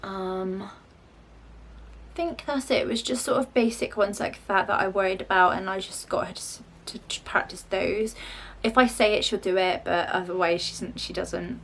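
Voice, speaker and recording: A woman's voice: mid-range voice, moderate pace, fairly bright tone, a little hiss or hum. A young woman, a parent vlogger chatting casually to camera at home in a down-to-earth way.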